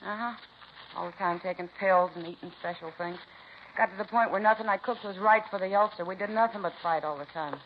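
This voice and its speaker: An actress in 1950s radio drama style plays a bitter, blunt working-class wife, complaining in slangy speech with an aggrieved mood. Her female voice is mid-range, brisk and lightly acted. The old radio recording is muffled and noisy.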